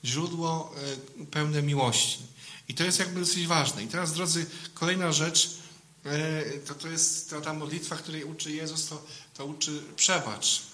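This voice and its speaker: A man's voice: on the high side, steady tone, a little slow, pushed and bright. A man, a priest, giving an informal sermon in a conversational way, often adding a questioning tag to his sentences.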